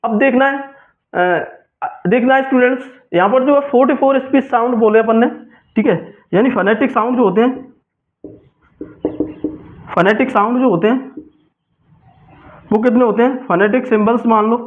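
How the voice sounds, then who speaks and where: High-voiced man teaching, tinny audio. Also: fairly even intonation, moderate pace, long pauses. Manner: repetitive, asks and answers own questions; mixes English terms into Hindi. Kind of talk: exam-prep class lecture.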